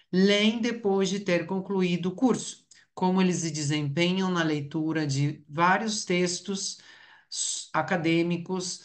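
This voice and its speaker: A Uruguayan man presents as an academic researcher at a conference, formal and explanatory, with frequent hesitations as he lays out each point. His voice is a little high.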